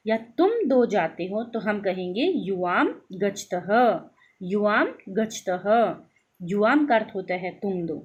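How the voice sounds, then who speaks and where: Husky-voiced woman teaching grammar. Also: mid-range voice, darkish tone, dull audio. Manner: recites verb forms slowly, checks in with "theek hai". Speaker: Sanskrit teacher. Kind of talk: classroom grammar lesson.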